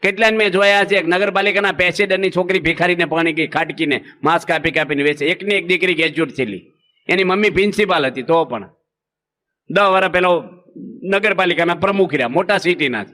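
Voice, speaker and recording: A man's voice: high-pitched, fast, pushed and bright. A man, a monk giving a humorous sermon in a folksy style and acting out village anecdotes. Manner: folksy, acts out village anecdotes with quoted voices. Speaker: Swaminarayan monk preacher.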